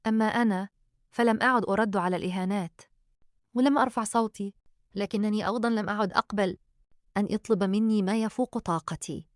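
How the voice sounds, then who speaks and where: A woman tells a first-person story in a calm, even, scripted reading. Her voice sits at a middling pitch. The recording is dry and close. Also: fast talker, no room sound.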